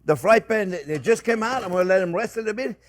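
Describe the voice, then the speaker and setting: A man's voice: sits high, quick pace. An older man hosting a cooking show, chatting casually and animatedly to viewers as friends and often repeating short phrases as he demonstrates. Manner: addresses viewers warmly as friends.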